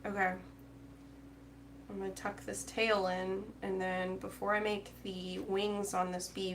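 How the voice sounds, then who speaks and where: A woman's voice: mid-range voice, vocal fry, fairly bright tone, a little hiss or hum. Chatty woman crafting and talking to viewers. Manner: chatty and rambling, reading out viewer comments, many fillers. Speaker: crochet vlogger chatting with live viewers. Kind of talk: casual crochet-along chat.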